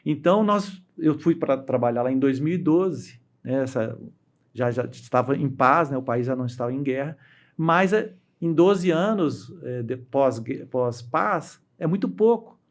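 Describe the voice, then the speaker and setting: A middle-aged Brazilian dam engineer with a Brazilian Portuguese accent tells stories as a guest in a casual interview. He speaks haltingly, with many restarts and fillers, and acts out the voices of people he quotes. His mid-range voice is animated.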